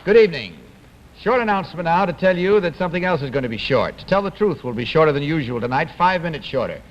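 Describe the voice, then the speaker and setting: A man's voice: on the high side, expressive, fast. A man hosting a 1960s television panel show, announcing and reading aloud in a formal, courteous manner. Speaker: game show host. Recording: dull vintage TV audio, faint noise.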